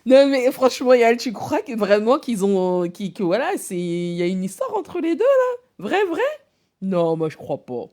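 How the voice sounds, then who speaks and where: Casting: woman live host, mocking and giggly, swoops in pitch. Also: sing-song, a little slow, dark tone. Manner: teasing, laughs often, asks viewers.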